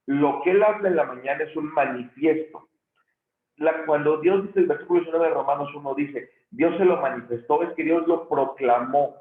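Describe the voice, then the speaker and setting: A man teaching a recorded theology lesson, thinking aloud and correcting himself often. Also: medium pitch. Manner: thinking aloud with frequent restarts and self-corrections. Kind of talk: recorded video lecture. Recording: echoey room, tinny phone-like sound.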